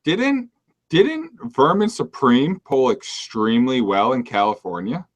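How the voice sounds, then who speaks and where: A man's voice: medium pitch, lively intonation, measured pace, lo-fi sound. Sarcastic, ranting male podcast co-host. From Maine. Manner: sarcastic, joking rants. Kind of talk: casual political chat.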